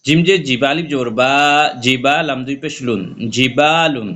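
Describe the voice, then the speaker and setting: Man slowly spelling out letter sounds. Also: mid-range voice, fairly bright tone. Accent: Bangladeshi Bengali. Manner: repetitive, slow spelling-out of letter sounds with drawn-out vowels. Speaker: Quran reading teacher. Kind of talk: spelling out Arabic letters in a recorded class.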